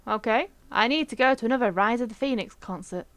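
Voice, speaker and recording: Brief: let's play host reading a visual novel; young woman, bright-ish high voice, playful and chatty, dry recording. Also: quick pace, no echo. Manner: playful, giggly, chatty asides between narration.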